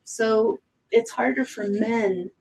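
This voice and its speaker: A woman's voice: a little high, fairly even intonation, takes it slowly, creaky, darkish tone, breathy edge, rough recording. A woman co-hosting a casual talk show as a psychic medium, reflective and emphatic, with hesitant restarts. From Arizona. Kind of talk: casual panel chat.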